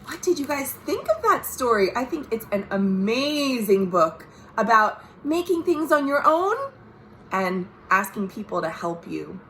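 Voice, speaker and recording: A female librarian reads a picture book aloud during a virtual storytime from home, her voice fairly high and her pace a little slow. She is warm and expressive, speaking directly to the children, and slight background noise can be heard.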